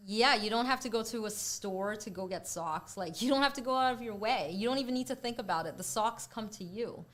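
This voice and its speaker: A woman's voice: fairly high pitch, fairly quick, fairly bright tone. A woman co-hosting a podcast in casual, playful, teasing chat. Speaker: podcast co-host.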